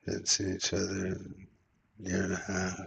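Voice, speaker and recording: A man's voice: sits low, monotone, moderate pace, gravelly, fairly bright tone, a little hiss or hum. A middle-aged man telling a rambling personal story, profane and meandering with many fillers. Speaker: vlogger.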